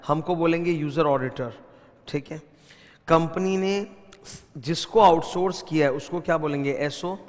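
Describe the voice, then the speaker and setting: A man with an Indian English accent gives an exam revision lecture on auditing. He keeps quizzing his students and slips between Hindi and English. His voice sits fairly high, and a long reverb trails after it. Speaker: audit teacher.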